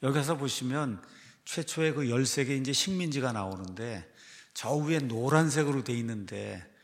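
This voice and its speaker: A man's voice: mid-range voice, moderate pace. A male pastor giving a church history lecture, explaining step by step with frequent fillers and rhetorical questions. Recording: long hall reverb.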